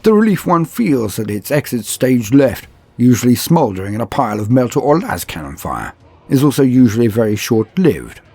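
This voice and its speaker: In a florid, theatrical and formal delivery, a man narrates scripted fantasy wargame lore as host of his tabletop channel. His mid-range voice is very animated at a moderate pace, a little mellow and slightly rough. The recording has no echo.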